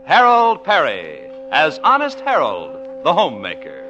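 A man's voice: on the high side, huge pitch swings, measured pace. A man announcing and narrating a 1950s radio comedy with a theatrical showman delivery. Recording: dull old radio recording. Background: music.

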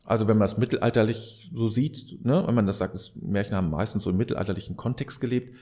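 With a warm, fairly low voice, a man talks fast through a reflective advice monologue for his podcast. He speaks straight to the listener, earnest and preacher-like, circling back to key phrases for emphasis.

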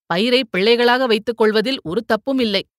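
A woman voicing a principled young farmer who reasons calmly, in an audiobook reading. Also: a little high, moderate pace, no room sound, clean studio sound, natural voice. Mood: earnest. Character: steady young farmer man, earnest and principled.

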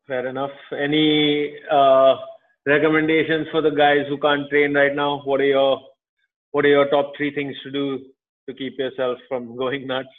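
A man's voice: medium pitch, flat delivery, moderate pace. Indian man hosting over a phone-like line. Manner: informal, friendly slang. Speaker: podcast host interviewing a guest. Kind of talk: casual interview chat. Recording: thin phone-like call audio.

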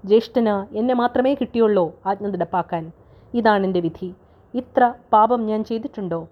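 A woman voicing a loyal young warrior prince in grief, in a calm, measured storybook reading, on a dull lo-fi recording. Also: medium pitch, close to an everyday voice. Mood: anguished.

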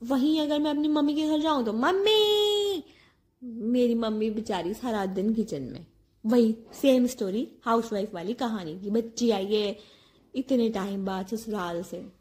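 Woman, high voice, chatty, exasperated, comic monologue. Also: warm tone, slightly rough. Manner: chatty, exasperated storytelling with acted-out quotes. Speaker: housewife comedian.

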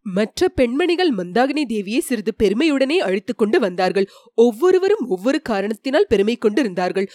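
A woman reads a historical novel aloud with a lively, rising and falling delivery in a slightly high voice. The sound is dry and close, with no room echo. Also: fairly quick. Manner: formal, expressive storytelling. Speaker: narrator. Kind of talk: audiobook narration of a historical novel.

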